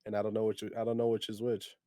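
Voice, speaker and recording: Mellow-voiced young man, dry sound. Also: lowish voice, monotone, fast talker, no room sound. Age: 20s. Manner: candid, reflective. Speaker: podcast co-host. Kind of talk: casual podcast chat.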